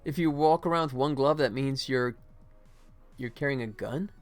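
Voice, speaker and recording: Faint music plays behind a game animator as he livestreams his work, speaking at medium pitch and normal speed. He thinks aloud in casual chat and sometimes mutters to himself.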